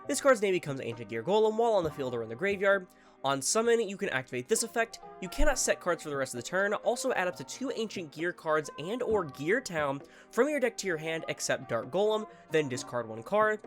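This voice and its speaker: A man's voice: sits high, very animated, brisk, soft background music. A man with a congested, nasal voice from a head cold, giving rambling, casual video commentary, correcting himself as he goes and swearing now and then. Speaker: card game YouTuber.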